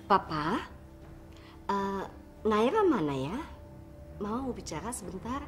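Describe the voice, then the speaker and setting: A woman's voice: medium pitch, big pitch swings, slow pace. An actress playing a wealthy mother in a panic over her missing daughter, dramatic, dropping English exclamations into her lines. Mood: worried. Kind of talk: TV drama acting. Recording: faint music underneath.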